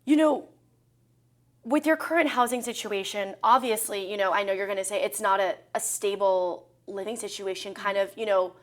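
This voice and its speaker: Woman, interviewer, medium pitch, conversational questioning. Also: normal speed.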